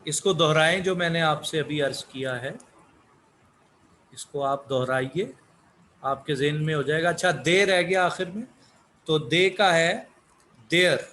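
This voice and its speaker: A man whose first language is Urdu, giving a slow English lesson, asking questions and answering them himself. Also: a little high, a bit bright, a little hiss or hum. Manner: asks questions then answers them, repeats words. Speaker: English teacher.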